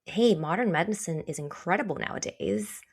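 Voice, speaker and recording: Podcast host lady, low voice, kinda affirming, casual chat. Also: lively intonation, fairly quick, slightly rough.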